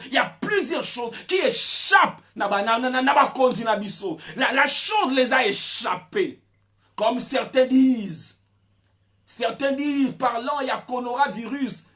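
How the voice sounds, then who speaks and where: Pasteur prêcheur à la voix très animée. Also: male voice, extremely high pitch. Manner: preaching with shouted peaks and many repeated words. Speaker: pastor. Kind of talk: sermon.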